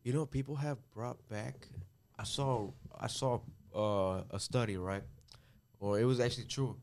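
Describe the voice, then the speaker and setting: A man's voice: medium pitch, measured pace, darkish tone. A young man chatting casually in a group, hesitant and rambling, often repeating himself as he works toward his point.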